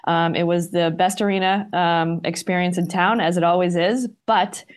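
A middle-aged woman speaks with a Boston accent in a voice a little lower than average. Her delivery is casual and chatty, that of a guest talking through her work in an interview. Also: steady tone, moderate pace, smooth. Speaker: interview guest, arena marketing director.

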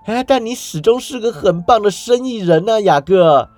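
Quavering, pleading old miser, played by a man — pitch up, stammer on the fear. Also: animated, measured pace, darkish tone, no room sound. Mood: frightened pleading.

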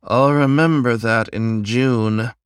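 A man voicing a young male chipmunk who is easily flustered and answers in quick, fussy replies. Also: mid-range voice, fairly even intonation, clear, resonant tone, no room sound, studio quality, natural voice.

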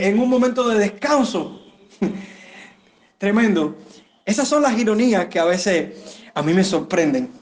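A pastor preaching a sermon, speaking straight to his listeners and swinging his voice up and down for emphasis. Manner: expressive preaching, pitch rising and falling for emphasis; addresses listeners directly.

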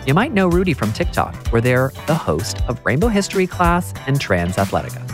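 An American man hosting a podcast interview, bubbly and playful in a theatrical way. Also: mid-range voice. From United States. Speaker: podcast host.

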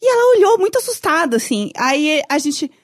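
A woman from Brazil in her thirties, co-hosting a podcast and telling stories with lively laughs and shrieks. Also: sits high, fairly quick, no echo, studio quality. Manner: animated storytelling, shrieking laughs. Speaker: podcast co-host. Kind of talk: casual chat.

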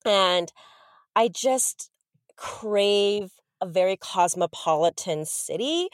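A woman in her thirties from Southern California, telling her story as a podcast guest in a chatty, animated way. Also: medium pitch, takes it slowly, dry recording, clean studio sound. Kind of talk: casual interview storytelling.

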